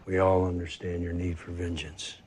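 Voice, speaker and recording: A man's voice: deep voice, flat delivery, normal speed, darkish tone, husky. An actor playing a hardened male biker club leader in a television drama clip. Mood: steady, grim. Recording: TV clip with background noise.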